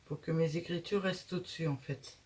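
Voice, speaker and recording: A woman's voice: low voice, steady tone, a little fast, darkish tone. A woman hosting a casual craft tutorial, chatting and thinking aloud as she works, with frequent hesitations.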